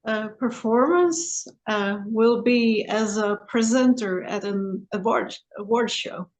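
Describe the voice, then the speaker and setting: A singer-songwriter woman from Sweden, a guest in an interview, who talks slowly and haltingly with many restarts. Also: fairly high pitch, low-quality recording.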